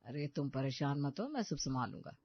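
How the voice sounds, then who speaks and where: A woman voicing a relaxed young husband from a cartoon story, pitched well below her own voice and speaking in a soothing, unhurried way. The recording is dull and lo-fi, and dry. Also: no room sound, natural voice. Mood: calm. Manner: easygoing, soothing. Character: young adult man, calm reassuring husband.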